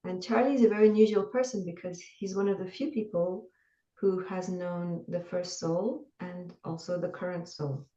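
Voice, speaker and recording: A woman from France with a French accent, calmly and earnestly explaining her spiritual experience as an interview guest. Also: on the low side, moderate pace. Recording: dull distant roomy call audio.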